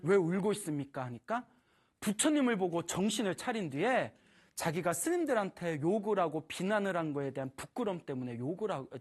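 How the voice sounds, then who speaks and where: A Buddhist preacher telling a temple story in a lively, animated way, laughing often while speaking to an audience. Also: mid-range voice, fairly quick, slightly rough. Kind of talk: storytelling dharma talk.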